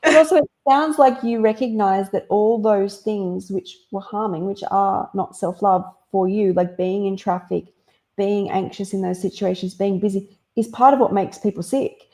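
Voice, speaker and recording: A woman's voice: mid-range voice, steady tone, moderate pace, warm tone. A woman hosting an interview, affirming her guest and asking open questions. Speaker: host. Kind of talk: casual interview chat.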